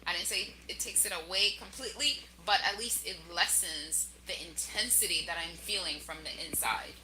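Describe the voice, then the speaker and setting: A young adult woman hosting a podcast, telling her own story and giving advice in a chatty, animated way that speaks straight to listeners. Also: on the low side, moderate pace, slight background noise, poor audio. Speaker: podcast host.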